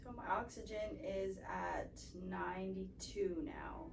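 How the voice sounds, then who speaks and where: A woman's voice: medium pitch, steady tone, takes it slowly, vocal fry, roomy sound, noisy background. Woman patient thinking aloud, distant mic. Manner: short, agreeable replies, thinking aloud. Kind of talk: casual talk during therapy.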